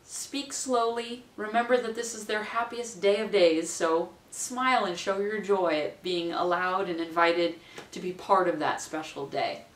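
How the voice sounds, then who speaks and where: A woman's voice: mid-range voice, fairly even intonation, measured pace. Chatty woman minister, roomy distant sound. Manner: chatty, practical, acts out quotes with a bright lilt. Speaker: wedding minister giving training. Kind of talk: instructional talk to camera. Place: small room at home, indoors. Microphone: camera mic at a distance.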